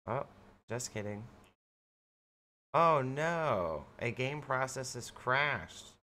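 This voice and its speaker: A man commentating his own live game stream, chatty and excitable and quick to laugh. He talks into a desk mic at his gaming setup at home, with a faint hum behind. His voice sits at an ordinary male pitch.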